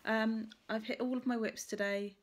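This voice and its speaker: A woman vlogger with a slightly high, steady voice chats casually to camera about her stitching at a normal pace. She rambles and corrects herself as she thinks aloud, with a little background noise behind her.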